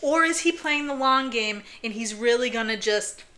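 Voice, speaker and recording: A woman's voice: a little high, normal speed, background noise. A woman co-hosting a podcast in casual chat, eagerly building on her partner's points with questions. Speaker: podcast co-host.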